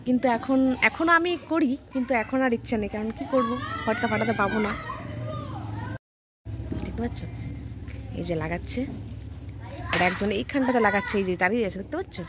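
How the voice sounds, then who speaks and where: A young woman from Bengal, vlogging excitedly outdoors at night and calling out to children. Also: a little high, brisk, long pauses. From West Bengal, India. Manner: excited, chatty, calling out to kids. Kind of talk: casual vlog narration to camera. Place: village lane outdoors at night. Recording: outdoor phone video with firecracker noise. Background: firecrackers bursting.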